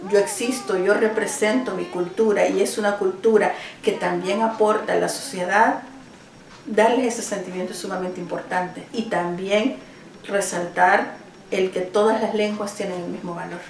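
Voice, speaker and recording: A woman's voice: medium pitch, steady tone, moderate pace, gravelly, slight background noise. A woman from El Salvador, a teacher, answering interview questions at home, earnest and thoughtful with small restarts. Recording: roomy, mic at a distance.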